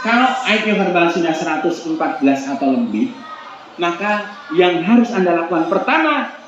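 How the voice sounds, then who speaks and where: Animated man lecturing in an echoey hall. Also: high-pitched, moderate pace. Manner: joking, animated, asks the audience questions. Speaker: seminar speaker. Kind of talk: parenting seminar talk. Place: seminar hall. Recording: echoey hall, dull lo-fi sound, clear room noise.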